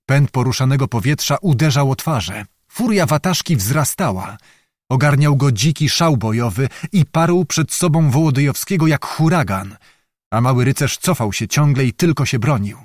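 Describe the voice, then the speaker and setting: A man narrates a historical novel as an audiobook, telling it in a measured, dramatic way with lively intonation. His pitch is typical for a male voice. The sound is dry and close, like a small studio booth, with no room sound.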